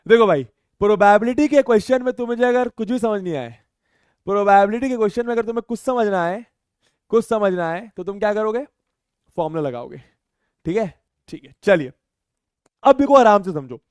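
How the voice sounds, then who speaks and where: A man's voice: sits high, lively intonation, brisk, long pauses, a little mellow, clean tone, no room sound, clean studio sound. A man teaching maths in a live online class, joking and teasing his students and mixing in English phrases.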